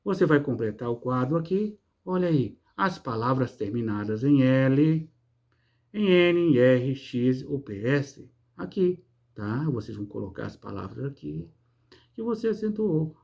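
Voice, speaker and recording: A man's voice: medium pitch, big pitch swings, unhurried, creaky, darkish tone. A man teaching a lesson on word stress, explaining patiently, asking himself rhetorical questions and answering them, with frequent checking tags. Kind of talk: online class lesson.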